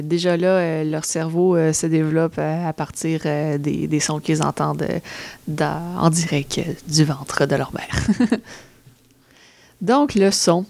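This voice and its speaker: A woman's voice: on the low side, a little mellow, no echo. A woman with a Québécois French accent explaining facts in a casual chat, hesitant, with many fillers.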